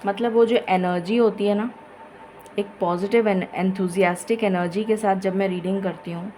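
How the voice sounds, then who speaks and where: A woman giving a tarot reading in a slow, effortful way, tired and with a dry throat. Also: mid-range voice, steady tone, mellow, slight background noise, low-quality recording. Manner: slow, tired, effortful Hindi-English mix with many pauses. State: low energy, dry throat. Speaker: tarot reader. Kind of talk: casual tarot reading to camera.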